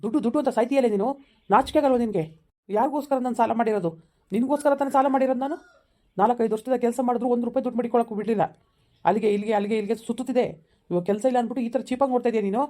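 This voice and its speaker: A jilted young man, broke and bitter, who accuses his lover in a rapid, mellow voice, played by a woman. His indignant lines come out very fast. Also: fairly high pitch, close to an everyday voice. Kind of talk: village skit acting.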